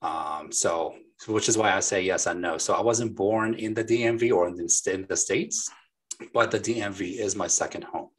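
A man from Lebanon in his forties, a business owner, talking casually and warmly as a guest on a video call, with plenty of fillers and restarts. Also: low-pitched, moderate pace, slightly rough. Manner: friendly, talkative, frequent fillers and restarts. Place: small dark home studio. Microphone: desk microphone on a boom.

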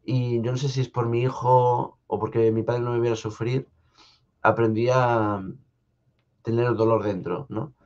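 A young man from Spain hosting a live stream from a home studio, talking in a soft, halting way with many restarts as he answers viewers. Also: mid-range voice, little pitch movement. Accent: Spanish from Spain. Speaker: live-stream host reading viewer comments. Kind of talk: casual live chat. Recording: slightly dull lo-fi stream audio.

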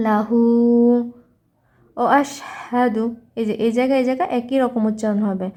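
A woman with a Bangladeshi accent teaching recitation, explaining quickly and then reciting slowly with long drawn-out vowels. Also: fairly high pitch, dark tone. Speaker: religious teacher. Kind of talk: recitation lesson.

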